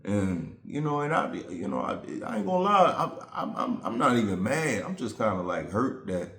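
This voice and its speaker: A man's voice: mid-range voice, sing-song, moderate pace, a bit bright, echoey room. A man vlogging to his viewers, talking through a relationship hurt in a reflective, rambling, earnest way. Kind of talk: casual vent to camera.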